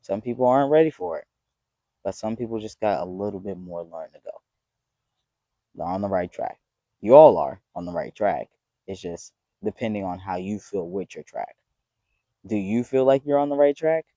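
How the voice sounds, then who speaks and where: A young man in his twenties with a low, mellow voice gives a loose, heartfelt pep talk straight to his viewers. He rambles and swears freely, earnest throughout. The sound is close and dry with no room around it. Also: animated, normal speed, dry recording, muffled recording. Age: 20s. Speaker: vlogger. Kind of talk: casual motivational talk to camera.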